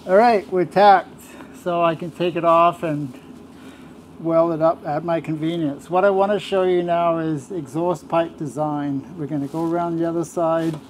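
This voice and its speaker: Slight background noise accompanies this older man as he explains motorcycle fabrication step by step in a large workshop. A builder demonstrating his shop work, he has a somewhat high voice with a steady tone and moderate pace. His delivery is plain-spoken and casual, with words repeated as he goes.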